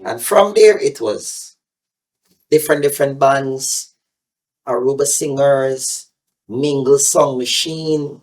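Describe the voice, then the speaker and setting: A man's voice: mid-range voice, takes it slowly. Guyanese man telling his story, loose and rambling. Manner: relaxed, rambling, with frequent fillers and restarts. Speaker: singer being interviewed. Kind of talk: casual interview storytelling.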